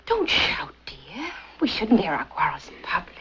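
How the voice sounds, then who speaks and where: An actress playing a sugary, falsely forgiving wife, cooing and mock-wounded, in 1940s screwball comedy banter on a muffled film soundtrack. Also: female voice, a little high, very animated, normal speed, a bit bright. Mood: mock-wounded, sweet. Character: sugary, falsely forgiving rich young wife, needling sweetly. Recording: muffled old film sound, murmuring crowd.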